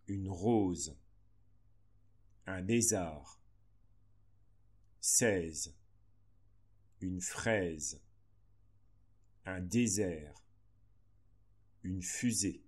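A man reading a slow phonics lesson, saying each word deliberately with pauses between. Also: low voice, a little mellow. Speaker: teacher.

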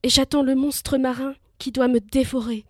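A woman's voice: sits high, level tone, moderate pace, no echo, studio quality. A woman voicing a frightened young princess. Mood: sorrowful. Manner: sighing, then crying out in terror.

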